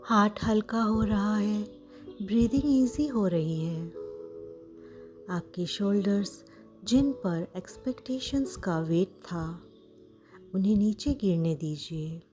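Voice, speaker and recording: A woman with an Indian accent guides a meditation in a mellow, relaxed, slightly low-pitched voice while music plays underneath. She talks very slowly and gently in short phrases, pausing often and keeping everything soothing.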